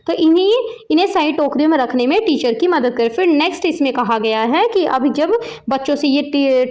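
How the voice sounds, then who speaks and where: A woman, patiently explaining a children's textbook lesson as a teacher. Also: sits high. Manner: slow, patient word-by-word explaining.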